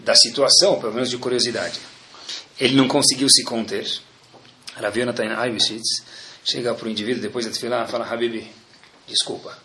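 A man giving a religious talk, telling a story with lively energy and Hebrew prayer terms. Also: medium pitch, fairly quick, roomy sound, a little hiss or hum.

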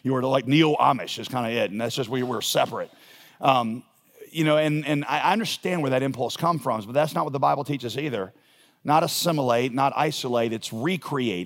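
A man preaching a sermon as a pastor, emphatic, rising for stress and dropping low for quiet asides. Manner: emphatic preaching with sudden rises and soft drops. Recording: long reverb of a large hall.

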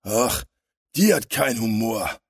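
A man voicing a stocky, gruff gangster who barks his threats in a storybook reading. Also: sing-song, moderate pace, no echo, clean studio sound, heavily acted. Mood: threatening. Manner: booming, growling threats.

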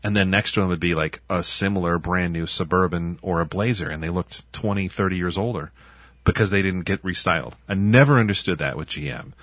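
A man's voice: low voice, a little fast, a bit bright, no echo. A man co-hosting a podcast, rambling casually about old trucks with lots of fillers. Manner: rambling, filler-heavy, laughs often. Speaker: podcast co-host. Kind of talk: casual car chat.

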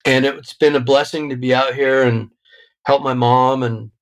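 A middle-aged man speaks as an interview guest, pitched at an ordinary level for a man. He tells his story in a reflective, heartfelt way, often restarting his sentences. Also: steady tone, normal speed, rough recording. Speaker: podcast guest. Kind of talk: interview conversation.

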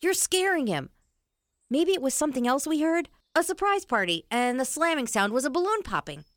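A woman voicing a sensible young boy in a family audio drama, calmly explaining things. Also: high voice, a little fast, dry recording, studio quality. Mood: patient. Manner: calm, explains things gently.

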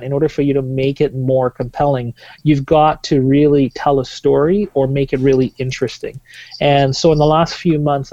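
A man's voice: mid-range voice, dark tone, no echo, lo-fi sound. A man from Tanzania, a guest on a podcast interview, talking fluently and in a businesslike way with many fillers.

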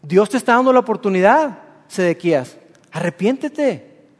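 A man voicing a stern old male prophet who pleads in a low, earnest way. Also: animated, moderate pace. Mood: earnest pleading. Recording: long hall reverb.

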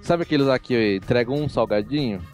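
A man's voice: mid-range voice, fairly quick, a little mellow, faint music behind. A married man co-hosting a casual podcast, joking emphatically about his habits. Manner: emphatic, jokey, exclaims "cara". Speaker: podcast co-host. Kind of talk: casual chat.

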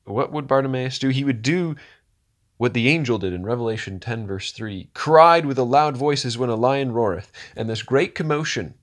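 A man preaching a sermon, swinging from hushed, slow lines to loud, rousing ones and asking the listeners rhetorical questions. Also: mid-range voice.

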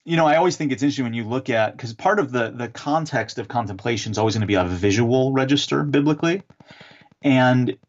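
A man who is an author and theologian answers interview questions, explaining things in a measured, teacherly manner with a few fillers. His voice is medium in pitch, and the recording has its highs cut off.

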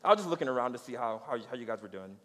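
A man preaching a sermon as pastor, energetic and conversational, laughing and checking in with his audience. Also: mid-range voice, rapid-fire, in a large hall.

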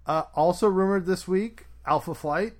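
A man's voice: sits high, moderate pace. A man hosting a podcast, chatting casually and opinionatedly about comics news. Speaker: podcast host. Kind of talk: casual chat.

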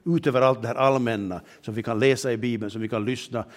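A man's voice: medium pitch, steady tone. Earnest man preaching a sermon. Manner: earnest, rhetorical questions, reads scripture with emphasis.

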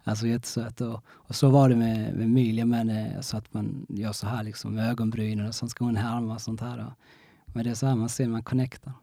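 A young man telling his own story in a casual interview, halting often and restarting with many fillers. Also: medium pitch, level tone, vocal fry, dark tone, dry recording, studio quality.

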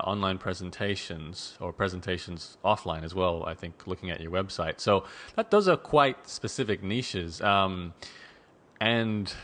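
Middle-aged man, podcast host, low, conversational, filler-heavy. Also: fairly bright tone. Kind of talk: podcast interview with ad read.

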